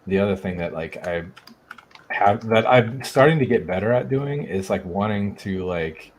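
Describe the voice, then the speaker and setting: Man, deep low voice, halting casual chat, lots of fillers, faint noise. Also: animated. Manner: halting, restarts, heavy use of "like". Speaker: podcast co-host.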